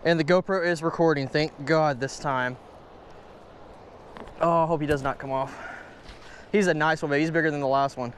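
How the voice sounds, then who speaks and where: Excited man by a rushing river. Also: on the high side. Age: young adult. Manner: excited, repeats exclamations, talks to viewers as guys. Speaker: fishing vlogger. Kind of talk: casual outdoor fishing vlog. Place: riverbank outdoors. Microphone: on-camera mic and head-mounted camera. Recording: rushing river noise outdoors.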